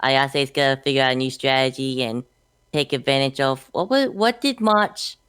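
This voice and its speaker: A woman chatting casually about an anime episode in a relaxed, easygoing way. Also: a bass voice, moderate pace, clean tone. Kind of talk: casual anime review chat.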